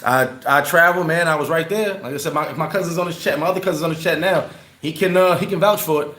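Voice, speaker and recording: A man's voice: on the high side, fast talker, fairly bright tone. A man hosting a casual livestream, answering his chat in a loose, rambling way and repeating words when he gets worked up. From New York. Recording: roomy echo.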